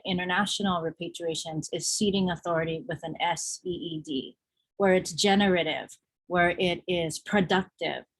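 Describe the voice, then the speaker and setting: Woman panelist, low-pitched, thoughtful, lively, emphatic asides. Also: poor audio. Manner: reflective and animated, with emphatic asides. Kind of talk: symposium panel discussion.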